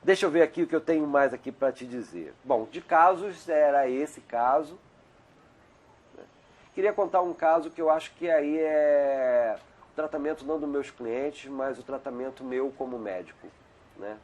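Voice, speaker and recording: On a video call, a middle-aged doctor being interviewed talks in a fairly high-pitched yet darkish voice at a moderate pace. He's chatty and digressive, regularly tagging his sentences with "né?".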